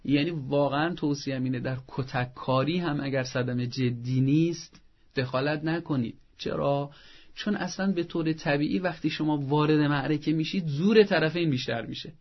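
Brief: male parenting expert, a bit high-pitched and gravelly, earnest advice-giver, dull lo-fi sound. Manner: didactic, earnest, acts out parents' scolding in a raised voice. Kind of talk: advice talk on a show.

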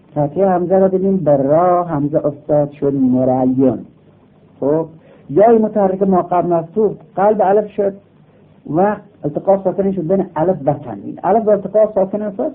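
A man with a somewhat high voice gives a grammar lesson. He talks slowly and patiently and goes over each step more than once. The sound is thin and tinny, like a phone line. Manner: slow, patient, repeating each step of the rule. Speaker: teacher.

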